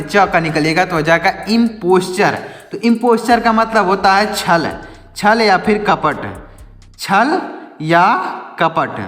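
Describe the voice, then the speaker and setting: A man teaching an English vocabulary lesson. He spells each word letter by letter, repeats it slowly and answers his own questions. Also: high voice, fairly bright tone. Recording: echoey room with long reverb.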